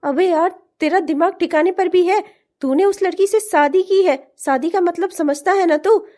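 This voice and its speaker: Woman playing a young male cartoon friend, high-pitched, dark-toned, earnest, scolding. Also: normal speed. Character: young man, conscience-stricken friend. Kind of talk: cartoon voice acting.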